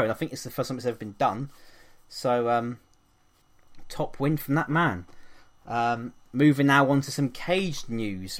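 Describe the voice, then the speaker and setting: A man from England hosts a casual podcast in a chatty, upbeat way, dotting his talk with ums. His pitch sits in a middle range, and he moves briskly from one item to the next. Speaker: podcast host.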